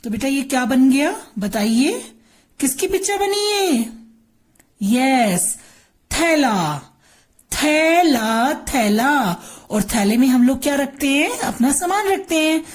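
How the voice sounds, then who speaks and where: Slow, patient Indian woman teacher. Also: high voice, animated. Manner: patient, talks to children as "beta", repeats words for them. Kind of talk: children's drawing and Hindi lesson.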